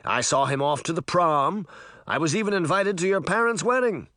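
Male reader as a showy, pompous talking mirror in a storybook, pitched up and animated. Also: moderate pace, no room sound, clean studio sound. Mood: theatrical. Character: vain, theatrical male magic mirror face.

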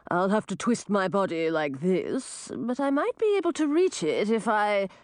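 A woman's voice: mid-range voice, big pitch swings, normal speed, darkish tone, no echo, clean studio sound, natural voice. Woman voicing a grumbling quarrelsome octopus. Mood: strained. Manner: grumbling, touchy.

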